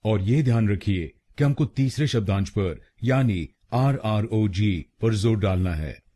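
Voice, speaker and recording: A man with an Indian accent teaches pronunciation in a slow, deliberate drill, breaking the word into syllables and repeating each one. His voice sits low and dark with a husky edge, while the pitch moves around a lot. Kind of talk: scripted pronunciation lesson.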